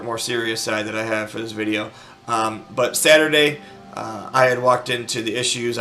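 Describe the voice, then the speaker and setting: A man's voice: medium pitch, sharp tone. A man talking to camera in a casual vlog recap, rambling with many ums and restarts, sleep deprived. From Arizona, US. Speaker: gaming video creator.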